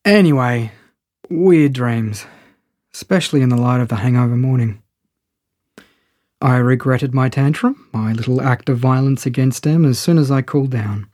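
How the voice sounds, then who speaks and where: A man's voice: mid-range voice, moderate pace, a little mellow, dry recording, clean studio sound. A man narrating a first-person audio story in a wry, conversational way.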